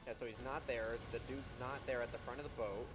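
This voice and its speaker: A speedrunner chatting casually about the game, laid-back with frequent laughs. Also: male voice, mid-range voice, steady tone, quick pace, over music.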